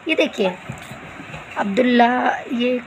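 A woman's voice: fairly high pitch, slow, background noise. A young mother in a casual family vlog, talking to viewers while scolding and cooing at her small children. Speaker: vlogger mother.

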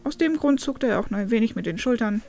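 A woman's voice: a little high, animated, fast talker, darkish tone, faint music behind. Woman reading a story aloud. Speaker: narrator. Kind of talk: reading fan fiction aloud.

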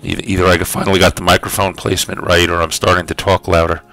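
A man's voice: low voice, little pitch movement, fast talker, creaky, sharp tone. A man hosting a casual livestream, chatting with viewers about his audio levels and setting up a writing sprint, with lots of fillers.

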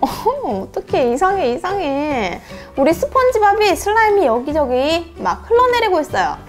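A young woman with a high, bouncy voice hosts a toy unboxing for children. She calls herself by name, talks to the viewers as her friends, and sings out playful cries at every reveal. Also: sing-song, normal speed, faint music behind. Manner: sing-song reveal cries.

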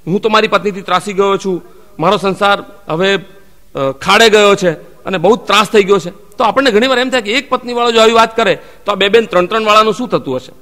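Comic storyteller, male, high and bright, switches voices for his characters; reverberant stage recording. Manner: acts out the characters in his jokes with quick voice shifts. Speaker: stand-up comedian telling jokes. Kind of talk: Gujarati joke telling.

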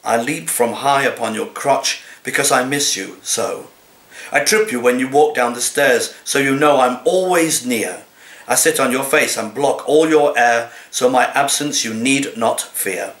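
In a small living room, a sixty-something actor performs comic poetry in the voice of a cat, deliberately and with dramatic, expressive flair. His mid-range voice is captured in a roomy, echoey home recording.

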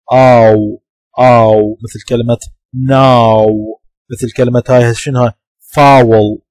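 A man's voice: mid-range voice, darkish tone, no room sound. Iraqi man teaching English sounds, dry close mic. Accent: Iraqi Arabic. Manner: patient, explaining and repeating sounds. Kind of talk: classroom lecture.

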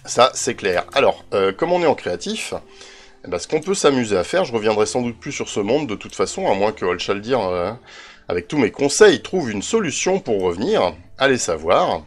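A man's voice: fairly low pitch, big pitch swings, normal speed, soft background music. A man hosting a casual game tutorial, thinking aloud as he reads out coordinates, with self-mocking asides and drifting away from his desk mic at times. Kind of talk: casual screen-recorded tutorial.

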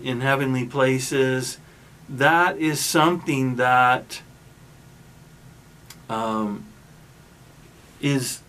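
A pastor delivers his sermon in an unhurried, conversational way, as if telling a story to friends. His voice sits at an ordinary middle pitch for a man, and he often restarts his sentences and pauses mid-thought. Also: fairly bright tone.

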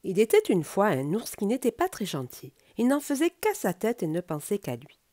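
Bedtime-story reader: woman, lively melodic delivery, warm mellow tone, playful. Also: medium pitch. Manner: animated, playful, dramatic pauses.

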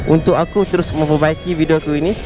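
A man's voice: fairly high pitch, flat delivery, quick pace, music in the background. A man with a Malaysian Malay accent vlogging casually while riding a motorcycle through traffic, chatty and often calling his viewers "guys". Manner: chatty, keeps calling viewers "guys", mixes in English words. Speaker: motovlogger. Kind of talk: casual riding vlog chat. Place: outdoors on a moving motorcycle in city traffic. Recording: wind and traffic noise.

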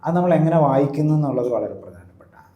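A man's voice: on the high side, expressive, racing, highs cut off. A priest explaining his views in an interview, in a teacherly way, often checking with the listener. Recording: roomy echo.

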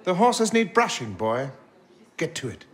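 An actor playing a sneering, bossy older French servant in a video game, with a disdainful manner. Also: male voice, on the high side, big pitch swings, a little slow.

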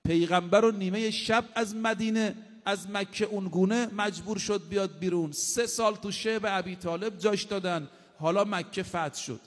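A male preacher giving a sermon, reciting short Arabic sayings and then explaining them in plain, casual speech, addressing his listeners directly. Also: high voice. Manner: addresses the audience directly, with emphatic repetition. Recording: long hall reverb.

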